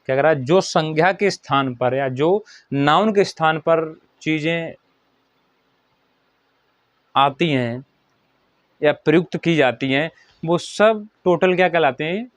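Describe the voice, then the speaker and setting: A man teaching children a grammar lesson in a fairly high voice. He asks questions and answers them himself, and he stretches out the words when he dictates. The sound is close and dry. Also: takes it slowly, long pauses, dry recording.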